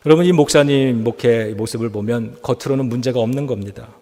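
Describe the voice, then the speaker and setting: A man's voice: medium pitch, fast talker, warm tone. A man preaching a sermon as a pastor, telling a story and acting out the voices of the people in it. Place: church sanctuary. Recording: church hall reverb.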